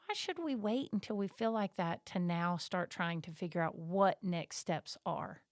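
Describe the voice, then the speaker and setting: A woman's voice: lowish voice, normal speed, no echo, studio quality. A middle-aged woman co-hosting a podcast, talking in a chatty, emphatic way. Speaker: podcast co-host. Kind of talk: casual podcast chat.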